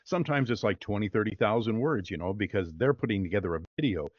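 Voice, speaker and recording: A man with a fairly low voice, chatting easily about his work in a relaxed, rambling way with plenty of fillers. The sound is dry and a little dull, like a video call. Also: fast talker, no echo. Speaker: voice-over artist guest. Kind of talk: casual interview chat.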